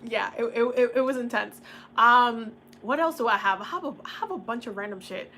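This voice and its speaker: Bright-voiced chatty woman from the Dominican Republic. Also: on the high side, brisk, a little hiss or hum. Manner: chatty, laughs often, casual slang. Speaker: tarot and oracle reader. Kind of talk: casual livestream chat.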